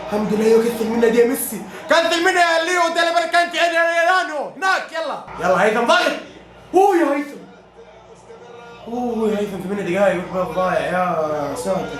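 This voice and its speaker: A fast-talking man with a high, excitable voice reacts live to a football match. He shouts and cheers and prays aloud between plays. The sound is echoey, as if from a bare room.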